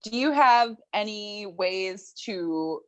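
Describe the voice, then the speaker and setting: A woman's voice: medium pitch, expressive, slow pace, dull audio. A woman co-hosting a casual chat, sharing tips with a laugh. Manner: chatty, shares tips with a laugh. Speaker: co-host.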